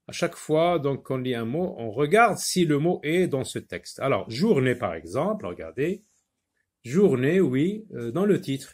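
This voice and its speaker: Male schoolteacher, unhurried, patient, sounds words out syllable by syllable, mid-pitched voice. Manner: switches briefly into Arabic to explain. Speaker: teacher. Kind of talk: primary school phonics lesson.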